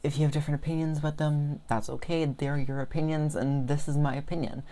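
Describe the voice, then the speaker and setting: A woman's voice: deep voice, fairly even intonation, fast, mellow. A young woman vlogger talking casually and rambling, chatty and self-deprecating. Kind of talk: casual rambling product vlog.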